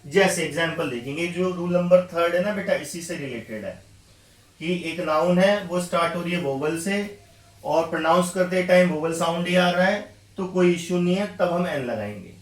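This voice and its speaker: A man's voice: high voice, normal speed. Patient man teaching English grammar. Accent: Indian English. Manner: patient, repeats points, addresses students as beta. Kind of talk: classroom explanation. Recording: echoey room, heard from a distance.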